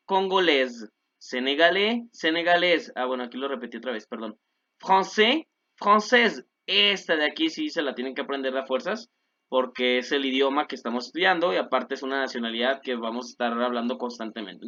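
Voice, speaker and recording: A man teaching French, patiently explaining and repeating word pairs slowly and clearly. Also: high voice, bright, forceful tone. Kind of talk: explanatory language lesson. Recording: dull lo-fi recording.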